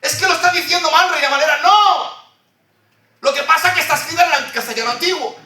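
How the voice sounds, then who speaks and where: A man preaching a sermon in a church, swinging loud shouting to hushed, fervent delivery. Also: extremely high pitch, fast talker, roomy sound, distant mic. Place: church hall.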